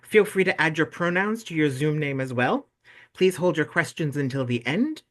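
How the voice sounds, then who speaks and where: A man's voice: a little high, big pitch swings, moderate pace. A young man hosting a video-call meeting for volunteers and parents, bubbly and effusive as he gushes over their ideas. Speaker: webinar host for volunteers and parents. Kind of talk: casual online meeting presentation.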